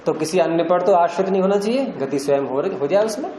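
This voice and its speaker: In an echoey classroom with a little background noise, an older man teaches Indian philosophy and grammar, quizzing students and drawing out each step. He speaks in a high, dark voice with lively intonation.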